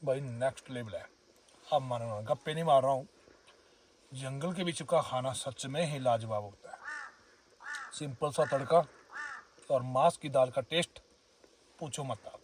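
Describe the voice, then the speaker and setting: A man's voice: mid-range voice, unhurried, long pauses, distant mic, slight background noise. A man from Himachal Pradesh with a Himachali accent, chatting casually to his viewers while filming at a herders' camp in the forest. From Himachal Pradesh, India. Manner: chatty, addresses viewers as friends and brothers. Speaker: vlogger. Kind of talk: casual vlog narration.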